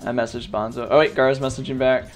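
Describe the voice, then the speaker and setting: A man's voice: mid-range voice, level tone, quick pace, faint music behind. A man hosting and commentating a gaming tournament stream, chatty and joking with the live chat.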